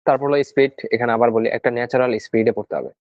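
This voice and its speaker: A man's voice: mid-range voice, fairly even intonation, racing, darkish tone, dry recording. A man tutoring students for an English speaking exam, explaining step by step in a casual lesson and repeating his key points. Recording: dry, dull lo-fi sound.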